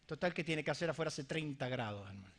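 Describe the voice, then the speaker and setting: Fiery Rioplatense preacher, high and bright. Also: male voice, lively intonation, fast. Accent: Rioplatense Spanish. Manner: dramatic, swinging from shouts to hushed lines. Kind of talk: sermon.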